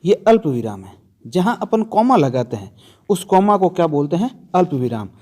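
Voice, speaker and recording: A man's voice: on the high side, very animated, moderate pace, a little mellow. A man teaching a grammar lesson for an exam, asking his students questions and answering them himself, stressing and repeating the key terms.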